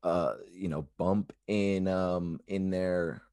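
A man in casual philosophical discussion, speaking haltingly and tentatively as he searches for his words. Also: sits low, steady tone, darkish tone, no room sound, studio quality.

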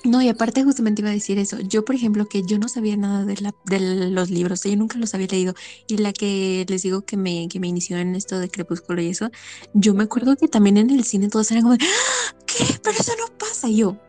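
A woman co-hosting a podcast, chatting casually and chiming in with quick reactions. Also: mid-range voice, steady tone, mellow, faint music behind. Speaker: podcast co-host. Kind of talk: casual chat.

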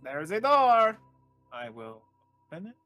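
Woman, very lively swooping pitch, casual tabletop player, faint music behind. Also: a little slow. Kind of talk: casual, animated game chat.

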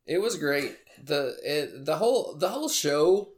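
A man's voice: on the high side, lively intonation, measured pace. A young man co-hosting a podcast in casual chat, joking and laid-back, swearing freely. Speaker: podcast co-host.

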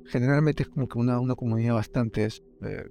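A man in a casual film chat, animated and jokey, acting out little quotes. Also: medium pitch, fairly quick, creaky, faint music behind.

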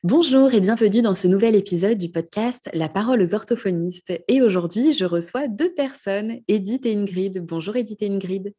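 Mellow, husky-voiced female podcast host. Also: mid-range voice, moderate pace, few pauses. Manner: friendly, affirming with short replies. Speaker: podcast host, speech therapist. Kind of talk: podcast interview hosting.

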